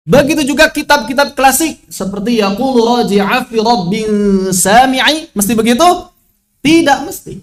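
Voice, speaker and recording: A man with a high voice teaches an online recitation lesson through a video call. He explains patiently, repeating key phrases and slipping between formal teaching and casual asides. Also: animated, moderate pace. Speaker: religious teacher.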